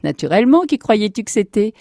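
A woman voicing a cheerful young man in his twenties who teases and calls out brightly. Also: a little high, big pitch swings, fairly quick, dry recording, studio quality, pitched above the performer's own voice.

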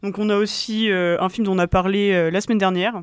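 Une jeune femme, co-animatrice d'une émission de radio, qui explique un sujet en hésitant souvent. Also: female voice, mid-range voice, fairly even intonation, a little fast, smooth, no echo, studio quality. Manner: hesitant, many fillers. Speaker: co-host. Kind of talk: radio show presentation.

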